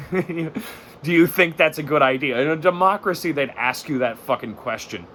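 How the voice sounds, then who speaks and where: A man's voice: fairly high pitch, normal speed, fairly bright tone, slight background noise. A man in his thirties hosting a podcast, ranting in a profane, sardonic, rambling way and laughing at his own jokes. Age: 30s. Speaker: podcast host. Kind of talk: comedic rant.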